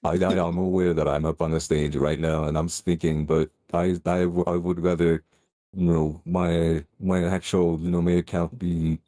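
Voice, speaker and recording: A man's voice: low-pitched, level tone, normal speed, dark tone, no room sound, clean studio sound. A man speaking through a voice changer in a voice-chat debate, rambling with many fillers and restarts.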